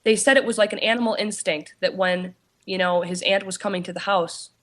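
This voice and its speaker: A woman, a paranormal investigator and author, telling her story in a casual interview, often pausing with "you know" and restarting her sentences. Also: mid-range voice, fairly even intonation, a bit bright.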